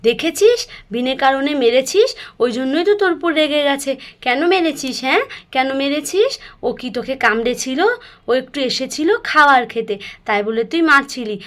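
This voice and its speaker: Woman, high voice, bossy scolding big sister for a doll story. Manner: scolding, bossy, then soft and soothing. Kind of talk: scripted doll story acting.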